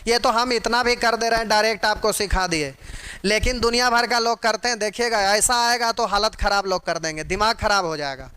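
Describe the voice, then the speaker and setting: A man's voice: high voice, brisk, sharp tone, smooth. A man teaching an exam-prep math lesson, drilling fractions and percentages aloud and calling his students dear ones.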